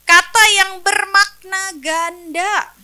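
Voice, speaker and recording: A woman's voice: extremely high pitch, steady tone, slow, bright, forceful tone. A woman speech-language pathologist giving an educational talk for parents, explaining step by step, asking rhetorical questions and answering them, and listing examples one by one.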